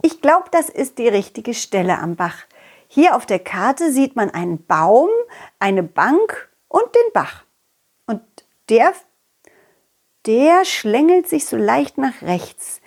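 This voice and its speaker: A cheerful, excitable young male dog from a children's audio story, put on by a woman. He speaks straight to the kids in a slow, breathy, sing-song way, his voice sitting fairly high and bouncing all over. Playful and easily thrilled. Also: full character voice.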